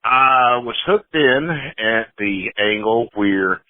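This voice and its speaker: A man from the Atlanta area of Georgia, joking and telling animated stories as a guest in a casual interview. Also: on the low side, slow pace, no echo, phone-quality sound. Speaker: podcast guest.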